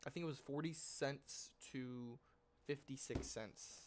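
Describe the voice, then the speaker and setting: There's background noise as a man with a cold talks through his trades for his trading channel in an unhurried, mid-range voice. It's a casual screen-share recap: rambling, slangy, self-correcting, with some mild cursing.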